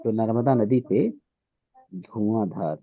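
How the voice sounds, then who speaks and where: A man's voice: fairly low pitch, lively intonation, slow pace, dry recording. A man teaching an exam-prep lesson to students, drilling facts and repeating "theek hai" after each point. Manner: repetitive, keeps saying "theek hai". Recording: tinny phone-like audio.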